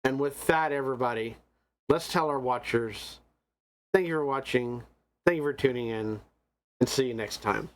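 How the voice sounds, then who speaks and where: A man's voice: medium pitch, moderate pace, long pauses. A man hosting a tabletop game stream and wrapping up the show, enthusiastic and repeating words for emphasis. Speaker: game master and host. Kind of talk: show outro announcements.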